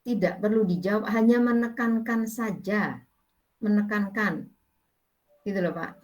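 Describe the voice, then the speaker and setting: Woman, Indonesian accent, university lecturer, slow patient explanations, mid pitch. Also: a little mellow, poor audio. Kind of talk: teaching English grammar in class.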